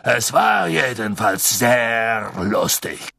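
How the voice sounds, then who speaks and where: A man's voice: medium pitch, big pitch swings, takes it slowly, creaky, bright, forceful tone, full character voice. A man doing a shrugging foreign minister. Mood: offhand. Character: sad, shrugging older foreign male minister.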